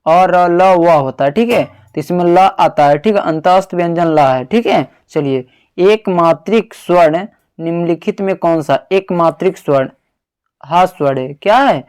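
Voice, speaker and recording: A man's voice: a little high, a little slow, darkish tone, clear, resonant tone. Man quizzing students on grammar. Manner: quizzes himself with a question, then repeats the answer; calls the listener "babu", sounds out syllables. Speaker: teacher. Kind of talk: exam-prep lesson.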